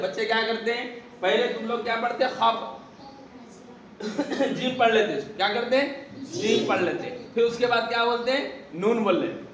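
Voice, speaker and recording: Male religious teacher, high voice, call-and-response drilling, echoey room and distant mic with background noise. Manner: asks questions and repeats the answers. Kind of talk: classroom lesson on Arabic letters.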